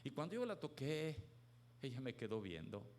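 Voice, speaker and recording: A man preaching a sermon as pastor, telling stories with emphatic swings between hushed and loud delivery. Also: medium pitch, sing-song, moderate pace, slight background noise.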